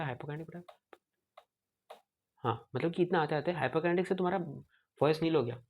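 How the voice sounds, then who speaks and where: A man's voice: a little high, darkish tone, slight background noise. Casual young male medical tutor. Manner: informal, mixes Hindi and English, demonstrates speech patterns aloud; frequent throat clearing. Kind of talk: casual Hinglish lecture.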